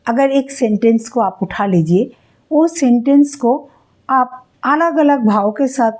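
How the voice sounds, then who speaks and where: Slow, patient woman music teacher. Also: fairly high pitch, darkish tone. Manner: slow, patient explaining with spoken demonstrations. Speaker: singing teacher. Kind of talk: music lesson on expressing emotion.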